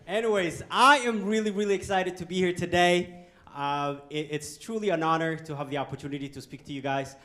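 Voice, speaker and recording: An Ethiopian man, appearing as a guest speaker, delivers a joking, animated motivational talk to young people in a conference hall, tossing questions out to the crowd. His voice is a little high and fairly quick.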